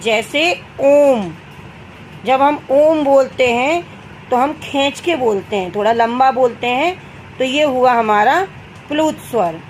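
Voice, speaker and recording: A woman's voice: high voice, measured pace, a little hiss or hum, rough recording. A young woman teacher explaining a grammar lesson to children, asking them questions and answering them herself, calling them dear. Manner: addresses students as "beta".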